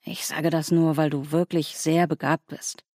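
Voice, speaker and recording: A dry, distracted male university professor from a storybook, speaking in an unhurried, slightly absent way, voiced by a woman reading aloud. The voice sits low, and the sound is close and dead, with no room around it. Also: flat delivery, a little mellow, no room sound.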